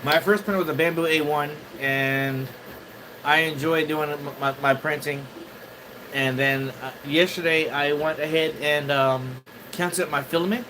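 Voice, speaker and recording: A man's voice: fairly high pitch, fairly even intonation, noisy background. Rambling man chatting on a livestream. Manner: rambling, halting, greets chat viewers. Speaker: 3D printing livestreamer. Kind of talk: casual livestream chat. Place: home studio.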